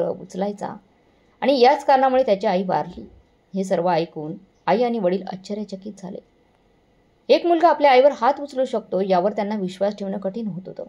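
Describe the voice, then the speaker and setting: A woman's voice: medium pitch, mellow, muffled recording. A woman narrating a first-person moral story in an earnest, somber way, sometimes correcting herself.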